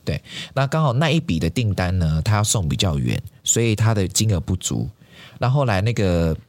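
A man telling a story in a casual podcast chat, animated and quick to laugh. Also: on the low side, no echo. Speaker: podcast co-host.

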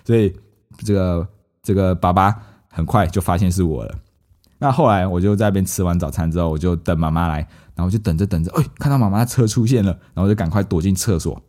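A man's voice: low voice, fast talker. A man, telling a story casually as a podcast host and acting out his family's lines. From Malaysia. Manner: lively anecdote-telling, acts out quoted family members.

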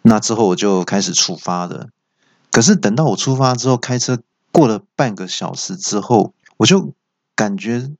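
A man with a Taiwanese Mandarin accent telling comic stories in a chatty monologue, stumbling and restarting with excited outbursts. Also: fairly low pitch, creaky, no echo. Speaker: stand-up comedian. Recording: slightly dull, dry recording.

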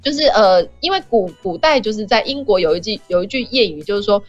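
A woman's voice: medium pitch, fast, no echo, soft background music. A middle-aged woman, a podcast guest, telling family stories and acting out the voices of the people in them in casual chat. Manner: animated storyteller, acts out family members' voices. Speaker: podcast guest sharing parenting advice. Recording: dull, dry podcast audio.

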